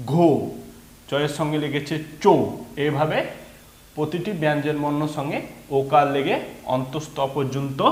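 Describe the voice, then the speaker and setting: A man teaching a beginners' reading lesson, slowly spelling out letters and sounds step by step. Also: on the high side, echoey room.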